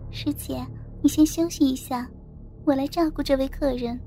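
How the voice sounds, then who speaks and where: A woman's voice: high-pitched, fairly even intonation, normal speed, dark tone, soft background music. A woman voicing a young female flight attendant in an audio story, stammering tearful pleas and speaking sweetly and bashfully. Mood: sweet coy.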